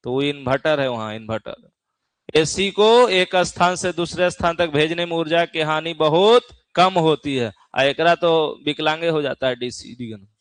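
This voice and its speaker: A man's voice: on the high side, moderate pace, clear, resonant tone, dry recording. A middle-aged man with a Bihari accent teaching an exam-prep physics class in a folksy way, often checking in with his students. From Bihar, India.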